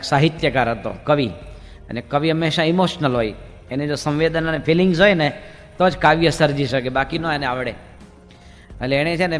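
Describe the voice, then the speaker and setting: A male monk delivers a humorous sermon in a large hall, cracking jokes and acting out characters as he tells lively stories. His voice is a little high.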